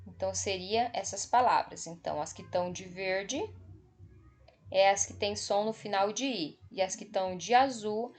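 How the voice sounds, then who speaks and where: A Brazilian woman with a mid-range voice and a Brazilian Portuguese accent teaches an online children's spelling lesson. Patient and unhurried, she repeats every word, checks in with the class, and marks each one on screen.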